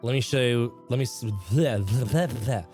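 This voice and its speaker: Game master running a fantasy tabletop game, mid-pitched, playful then deliberate, music in the background. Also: dark tone. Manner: playful, alternating banter and deliberate scene description.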